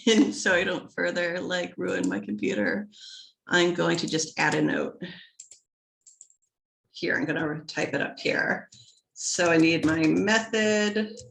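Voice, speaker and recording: A woman's voice: lowish voice, creaky, a bit bright, echoey room. A woman teaching statistics in a casual recorded lecture, chatty and playful, interrupting herself and adding little sound effects. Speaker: statistics instructor.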